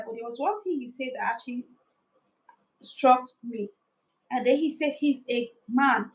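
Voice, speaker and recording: A woman's voice: high-pitched, low-quality recording. A woman hosting a live stream, talking casually and animatedly to her viewers with many restarts and asides. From Africa. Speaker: host.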